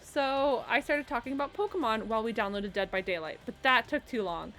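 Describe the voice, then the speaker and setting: A young adult woman streaming live, chatting casually and giving blunt opinions with frequent laughs and quick asides. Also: a little high, lively intonation, fairly bright tone. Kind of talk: casual live-stream chat while ranking logos.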